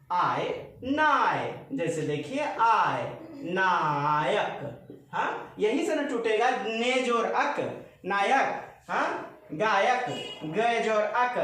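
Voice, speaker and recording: A man's voice: high voice, fairly bright tone. A male teacher, giving a playful, chatty exam-prep grammar lesson and drawing out repeated words. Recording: very echoey room, voice from a distance.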